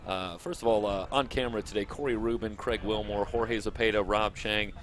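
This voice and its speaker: A man hosting a live sports broadcast, ad-libbing his sign-off in a halting way. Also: on the low side, fairly even intonation. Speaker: play-by-play broadcast host.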